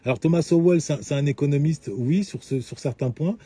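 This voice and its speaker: Middle-aged male host, dark husky voice, halting lecture delivery with many fillers. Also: fairly high pitch, no echo. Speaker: host of a live talk answering questions. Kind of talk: unscripted lecture-style talk.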